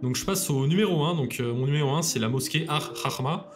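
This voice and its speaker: A man's voice: a little high, brisk, over music. A man co-hosting a casual podcast, presenting a city guide in a hesitant way with many fillers, dropping in dry jokes. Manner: hesitant, lots of fillers and restarts; dry joking asides.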